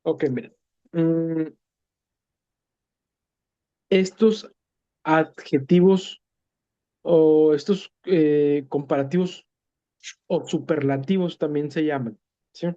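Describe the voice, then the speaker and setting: A man walks through an English lesson in Spanish, speaking slowly and patiently, repeating and translating each word. His voice is soft and mellow, full of hesitations and small corrections. The recording sounds dull and lo-fi. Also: on the high side, fairly even intonation. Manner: many hesitations and self-corrections. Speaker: English teacher.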